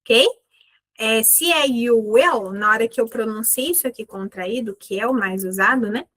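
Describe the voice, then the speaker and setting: A young adult woman teaching English in Portuguese, patiently explaining and repeating example phrases slowly. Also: on the high side, fairly bright tone. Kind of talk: online English lesson.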